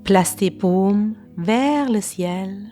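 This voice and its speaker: With faint music in the background, a woman with a mid-range voice guides a slow relaxation meditation. She speaks calmly and without hurry, leaving pauses between brief phrases.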